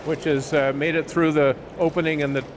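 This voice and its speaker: Guy tour guide w/ slightly high voice, halting explanations, bit of noise behind him down in a tunnel. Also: level tone. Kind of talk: informal guided tour commentary. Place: inside an old mill and underground water tunnel.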